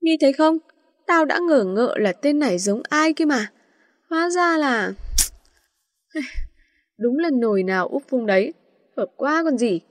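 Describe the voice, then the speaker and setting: A woman voicing a sharp-tongued young female student in a storybook reading, scolding and scornful. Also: sits high, expressive, unhurried, pauses often, no room sound, studio quality.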